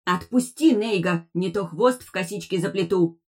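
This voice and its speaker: A reader voicing a creaky magical speech artifact that talks for a fiery young mermaid in an audiobook. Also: normal speed, darkish tone, lightly acted. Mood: indignant. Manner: creaky, squeaky. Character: croaky magic translating artifact speaking for a mermaid. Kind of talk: audiobook character voice.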